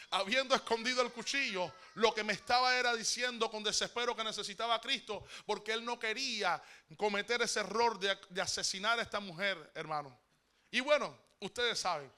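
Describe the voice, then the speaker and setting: A man from Cuba with a Cuban Spanish accent, a guest pastor preaching a sermon. He tells the story in an animated way, repeats words and calls his listeners brother. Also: sits high.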